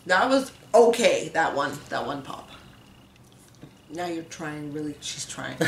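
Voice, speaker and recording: A woman's voice: lowish voice, expressive, drawn-out words, pauses often, a little hiss or hum. A woman hosting a casual vlog, chatting while chewing gum, chatty and self-mocking, with casual swearing. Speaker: vlog host. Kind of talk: casual chat. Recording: echoey room.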